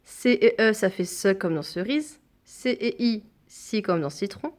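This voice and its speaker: A woman teaching a phonics lesson to young children, speaking deliberately and repeating each sound and example word. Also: mid-range voice, lively intonation.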